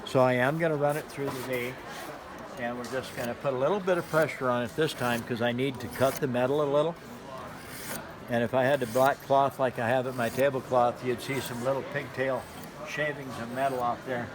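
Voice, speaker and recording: At a knife sharpening demo in a big concrete-floored expo hall, a middle-aged man talks fairly quickly in a steady, mid-range voice. His style is casual and folksy, explaining plainly and repeating points for emphasis. A handheld camera a step or two away picks him up, with the hall's noise clearly audible behind him.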